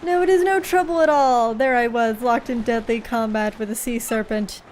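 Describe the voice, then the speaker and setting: A woman's voice: fairly high pitch, moderate pace, darkish tone, slight background noise, natural voice. A woman voicing a boastful, theatrical man in a game, with a pompous manner and a shifting put-on accent while reading the dialogue aloud. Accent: wavering put-on accent. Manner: pompous, dramatic storytelling. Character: boastful theatrical male pirate-like captain.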